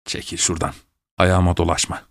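Brief: gruff, quick-tempered baker in a spoken-word story, snappish and blunt, played by the male narrator; dry recording. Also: deep voice, little pitch movement, no room sound, pitched below the performer's own voice, natural voice. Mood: angry. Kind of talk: audiobook dialogue reading.

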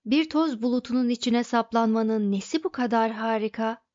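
A sarcastic, grumbling male space traveler as a woman reader puts him on, unimpressed by everything around him. The dull, dry audiobook sound keeps him close and flat. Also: fairly high pitch, normal speed, no room sound, close to an everyday voice.

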